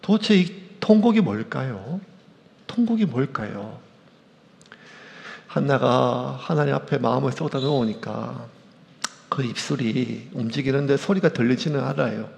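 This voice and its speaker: A male pastor preaching a sermon in a church, animated and acting out quoted voices. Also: mid-range voice, unhurried, vocal fry. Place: church sanctuary. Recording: echoey church hall.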